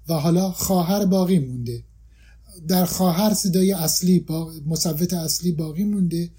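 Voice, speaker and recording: A man talks through points of language like a patient teacher, with a dark, mellow voice. His tone is husky and a little breathy. He pauses often and restarts phrases as he works each idea through. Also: sits high. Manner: careful, lecturing, with pauses and restarts. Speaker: language scholar. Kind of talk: explanatory discussion.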